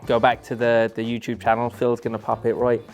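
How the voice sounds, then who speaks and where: A man's voice: medium pitch, completely flat delivery, a little fast, soft background music. A man answering questions on camera in a casual, joking way, laughing easily.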